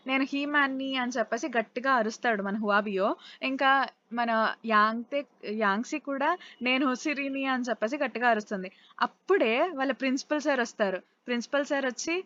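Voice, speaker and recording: A woman's voice: a little high, fairly bright tone, no room sound, dull audio. A woman casually retelling a drama scene by scene in a chatty way, quoting the characters' lines as she goes. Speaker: drama recap narrator. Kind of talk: casual storytelling recap.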